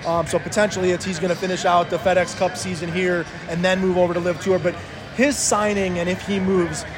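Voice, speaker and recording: A man co-hosting a casual sports talk show, speaking haltingly and often repeating words. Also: high-pitched, flat delivery.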